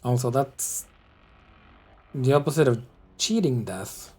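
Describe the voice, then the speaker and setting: Laid-back male streamer, slow talker. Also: medium pitch, animated, dark tone, husky. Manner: laid-back remarks over the game. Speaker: game streamer. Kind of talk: casual gameplay commentary.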